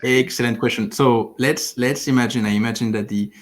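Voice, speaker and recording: Speaking in a steady, mid-range voice at a brisk pace, a thirtysomething man from France appears on a livestream interview via video call, headset on, from his living room. As a platform engineering lead, he explains carefully, with many restarts.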